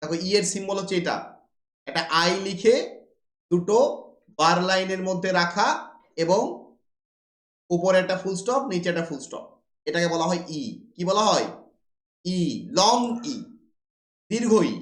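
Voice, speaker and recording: High-voiced male teacher in a roomy echo. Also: moderate pace, long pauses, a bit bright. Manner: asks rhetorical questions then answers them. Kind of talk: classroom lecture.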